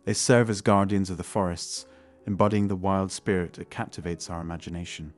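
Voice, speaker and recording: A man's voice: deep voice, steady tone, fairly quick. A man reading scripted nature documentary narration in a polished, grandiose manner. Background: faint music.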